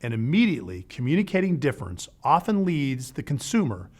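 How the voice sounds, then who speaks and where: A man hosting an educational show, narrating a script in a lively way with playful asides. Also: medium pitch, brisk. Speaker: podcast host.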